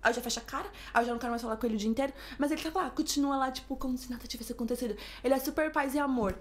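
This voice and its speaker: A young Brazilian woman with a Brazilian Portuguese accent, chatting as a podcast guest and telling stories with lively acted-out quotes. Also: high-pitched. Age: young adult. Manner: rapid, animated storytelling with acted quotes. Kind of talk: casual podcast chat.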